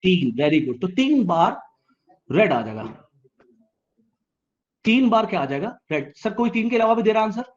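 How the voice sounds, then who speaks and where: A man tutoring a live online class, asking questions and answering them himself, teasing students to reply quickly. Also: sits high, very animated, highs cut off.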